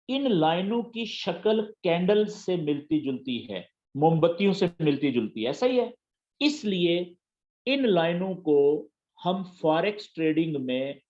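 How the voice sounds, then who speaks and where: A man's voice: a little high, muffled recording. A man teaching a trading app step by step in a patient, repetitive tutorial style. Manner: patient, repeats key terms and checks understanding. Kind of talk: screen-share tutorial.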